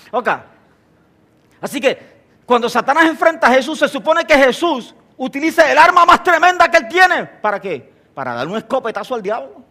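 Older preacher, animated storyteller with jokes, fairly high and sharp-toned voice. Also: male voice. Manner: animated storyteller, humorous asides, asks the congregation questions. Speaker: pastor. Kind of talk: sermon.

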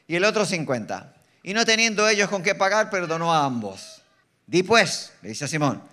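A man with a Puerto Rican accent preaching an animated sermon as a guest preacher, teasing the congregation and swinging between loud bursts and quiet asides. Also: a little high. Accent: Puerto Rican Spanish. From Puerto Rico. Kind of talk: lively sermon. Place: church sanctuary.

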